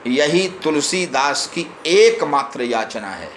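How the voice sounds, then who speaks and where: Male scripture expounder, slightly high voice, very unhurried delivery, echoey room with faint background hum. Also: sing-song, fairly bright tone. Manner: recites verses then explains them line by line. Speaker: religious discourse speaker. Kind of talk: scripture discourse.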